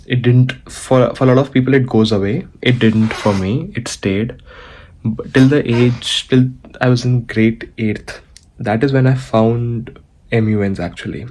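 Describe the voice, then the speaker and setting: Walking outside, a young adult vlogger from India speaks in a mid-range, darkish voice at an unhurried pace, with a bit of background noise. His talk is conversational, full of fillers and frequent restarts.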